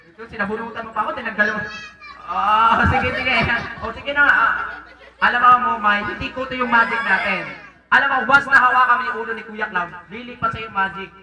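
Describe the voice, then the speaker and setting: High-voiced playful male party clown. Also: brisk, background noise. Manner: playful, teasing, laughs often. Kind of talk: hosting a children's party game. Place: children's birthday party. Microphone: handheld mic, recorded by a distant camera. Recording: roomy sound from far off.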